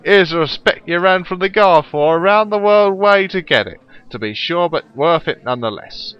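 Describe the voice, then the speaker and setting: A man putting on a loud, blustering old-timey thief. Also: high voice, lively intonation, moderate pace, clear, resonant tone, dull audio, voice pushed up. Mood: gruff. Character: gruff loyal old-fashioned male thief, indignant.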